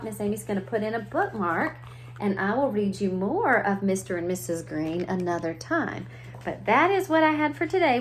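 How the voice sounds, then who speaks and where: A woman preschool teacher with a medium-pitched voice reads aloud to young children, pausing for asides that explain things simply and pose questions. A little hiss or hum sits under the recording.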